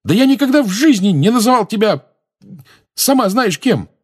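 A man voicing a cocky, showy teenage boy who shouts brashly in an audiobook reading. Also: medium pitch, sing-song, moderate pace, pitched above the performer's own voice, close to an everyday voice.

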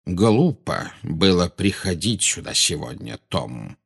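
A man reading a storybook and voicing a calm, soft-spoken old male wizard who never hurries. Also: low voice, normal speed, creaky, slightly rough, exaggerated voice.

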